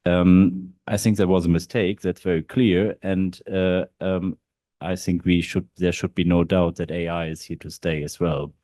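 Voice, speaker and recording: A German man with a German accent speaks as in-house counsel on a law-event panel in a large historic hall, hesitating often and using many fillers. His low, warm voice is flat in delivery and moves at a normal speed. The sound is clean and studio-like, with no echo.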